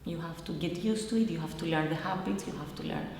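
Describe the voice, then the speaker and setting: Her voice is lowish, creaky and darkish, and she talks fast. She's a young Greek immigrant in Italy, a native Greek speaker interviewed about her life, offering a reflective account in simple, searching, Greek-accented English. The room is a very echoey hall, with faint background noise.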